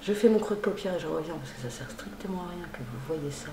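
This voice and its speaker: A woman's voice: deep voice, animated, fast talker, warm tone, slight background noise. A woman beauty vlogger chatting casually and gushingly through a makeup tutorial, full of slang. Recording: roomy echo.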